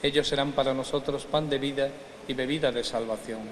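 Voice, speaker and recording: A man, a priest solemnly reciting the liturgy of the Mass in measured, formal phrases. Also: mid-range voice, fairly even intonation. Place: large reverberant church. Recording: echoey church, long reverb, background noise.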